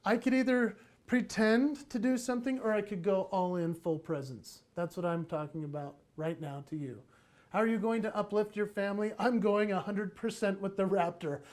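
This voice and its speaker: A man giving a playful, animated motivational talk on parenting at a conference, acting out little voices as he goes. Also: sits high, moderate pace. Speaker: keynote speaker on parenting.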